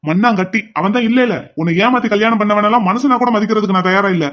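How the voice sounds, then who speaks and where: A man voicing a headstrong, protective young man in a cartoon drama, speaking forcefully and insistently. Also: high voice, quick pace.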